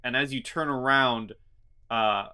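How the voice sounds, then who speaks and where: A man running a tabletop fantasy game as game master, narrating in a halting way as he thinks aloud. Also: mid-range voice, bright, forceful tone, clean tone.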